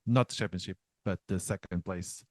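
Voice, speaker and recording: Deep-voiced man speaking haltingly. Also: fairly even intonation, no room sound. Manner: halting, filled with uhs and ums. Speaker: panel pundit. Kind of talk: casual race review chat.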